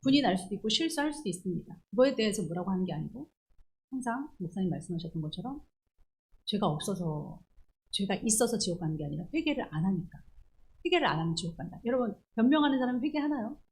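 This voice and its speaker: A woman pastor preaching a church sermon, animated and acting out the quoted voices herself. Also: medium pitch, quick pace, rough recording. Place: church sanctuary.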